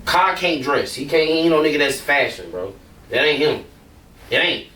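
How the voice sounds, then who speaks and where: A man's voice: a little high, animated, moderate pace, bright, forceful tone, reverberant, recorded from a distance. A man, a rapper, talking casually and bluntly in an interview, rambling and swearing freely.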